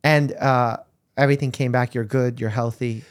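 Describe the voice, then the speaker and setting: Host role: male physician, mid-pitched, conversational, probes with follow-up questions. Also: fairly even intonation, moderate pace. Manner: probing, asks follow-up questions. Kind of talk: conversational interview.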